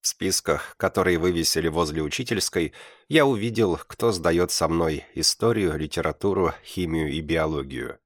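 Very deep-voiced male audiobook narrator. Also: normal speed, dry recording, clean studio sound. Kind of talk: first-person audiobook narration.

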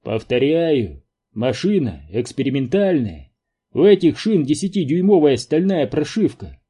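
A man voicing a weary male driver who explains things flatly and bluntly. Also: fairly high pitch, unhurried, husky, exaggerated voice. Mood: grim.

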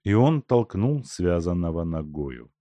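A man narrating an audiobook in a steady, even storytelling manner. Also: low voice, unhurried, dry recording. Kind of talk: scripted narration.

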